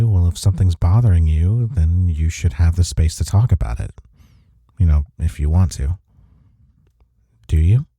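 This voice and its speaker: A man performs an intimate audio roleplay as a gruff but caring office rival, sounding attentive and gently teasing. His low voice is husky, soft, reassuring and exaggerated, with no echo.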